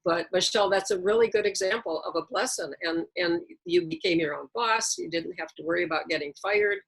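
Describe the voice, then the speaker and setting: A woman's voice: on the low side, brisk, vocal fry, breathy edge, rough recording. A middle-aged woman giving a reflective motivational talk on a video call, with wordplay and humor. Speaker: speaker.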